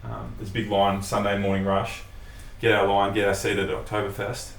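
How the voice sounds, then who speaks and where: A man's voice: fairly low pitch, level tone, a little fast, creaky. A young Australian man, a guest in a casual chat, telling a story with lots of fillers and the odd swear. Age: young adult. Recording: roomy sound, mic at a distance, faint hiss.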